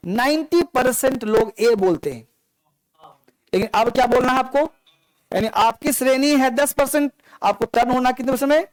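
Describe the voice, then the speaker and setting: A man's voice: extremely high pitch, moderate pace, dry recording, rough recording. A man teaching an English grammar class, speaking English, repeating points and asking the students questions. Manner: repetitive, coaxing, asks students questions. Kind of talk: classroom lecture.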